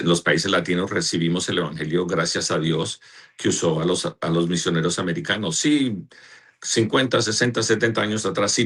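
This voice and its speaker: A man, a pastor and church director, answering interview questions in a slow, earnest way as he searches for words. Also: sits low, fairly bright tone, slightly rough.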